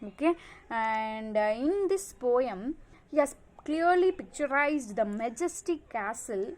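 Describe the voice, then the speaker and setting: A woman's voice: fairly high pitch, expressive, slow, darkish tone. A woman teacher giving a recorded class, repeating each point with many "okay" and "uh" fillers. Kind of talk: online class lecture.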